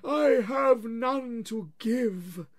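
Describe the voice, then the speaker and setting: Jacob Marley, a wailing chained ghost. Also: male voice, very high-pitched, voice pushed up, full character voice. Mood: mournful. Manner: slow, wailing, drawn-out lament with anguished cries. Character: tormented old male ghost dragging chains. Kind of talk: audiobook reading.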